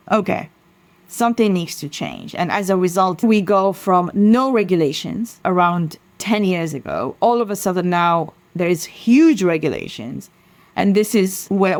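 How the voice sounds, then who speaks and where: A passionate woman from Sudan speaks as a podcast guest, her voice sitting fairly low. She presses her points with emphasis. The sound is dry and close, with no room around it. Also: no room sound. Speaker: guest, sustainability consultancy founder. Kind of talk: podcast interview answers.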